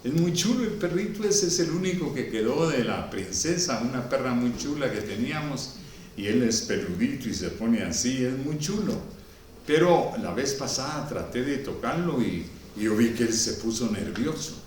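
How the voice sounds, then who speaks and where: A man preaching a sermon with a Guatemalan Spanish accent, swinging from loud exclamations to quiet storytelling. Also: mid-range voice, lively intonation, normal speed, far from the mic. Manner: preachy, rises to loud exclamations then drops to soft storytelling. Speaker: pastor. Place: church hall. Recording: echoey room, speaker off-mic, faint background noise.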